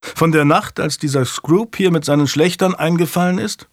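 A man's voice: fairly high pitch, moderate pace, dry recording, clean studio sound, voice pushed up, close to an everyday voice. A man voicing a curt, guarded young male servant in a storybook.

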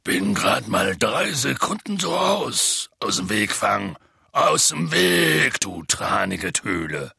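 A man voicing a huge, gruff but gentle-hearted gamekeeper with a rough, rumbling voice in an audiobook. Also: very animated, no echo, full character voice. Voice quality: rough, gravelly voice. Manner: slow, rumbling, muttering. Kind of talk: audiobook character voice.

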